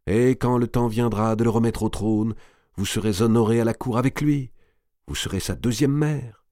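A firm, commanding noblewoman , put on by a man. Her voice rides high and strong, pressing and persuading without pause. Read close and dry in a storybook telling. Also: lively intonation, dark tone, no room sound, lightly acted. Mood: insistent. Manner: insistent, urgent, persuading.

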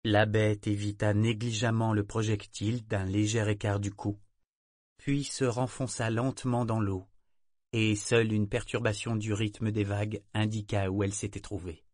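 Brief: male audiobook narrator, steady and measured, low-pitched, dry close recording. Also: no echo. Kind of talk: scripted narration.

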